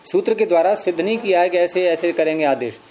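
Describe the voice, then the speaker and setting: Man teaching grammar, slightly high voice. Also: fast, a little mellow, a little hiss or hum. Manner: asks questions and answers them himself; patient, step-by-step explaining. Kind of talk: explaining a grammar lesson.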